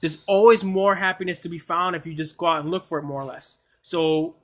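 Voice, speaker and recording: A man talks to his livestream chat in a high, bright voice, tripping over his words as he gushes. He keeps restarting sentences and apologizing for being overexcited, in a loose, casual way. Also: brisk. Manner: excitable, stammering, apologetic. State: coughing at times. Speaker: anime streamer.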